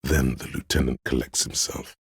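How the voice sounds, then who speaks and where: A man with a gravelly, husky, rumbling low voice narrates a video game in a measured, solemn, literary and dramatic style, with fairly even intonation. The recording is a close, dry studio one, clean and without room sound.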